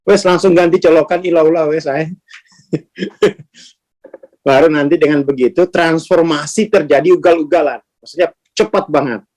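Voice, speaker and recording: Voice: medium pitch, moderate pace, a little mellow. Teacher, chatty rhetorical style. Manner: conversational, asks rhetorical questions, acts out quoted speech. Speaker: spiritual teacher. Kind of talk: informal class talk.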